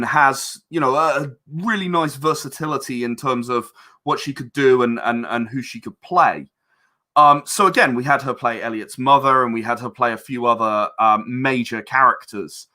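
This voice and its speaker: A man who creates games and audio dramas talks casually as an interview guest about his creative work. His mid-range voice has a sharp tone, and his explanations are chatty and rambling.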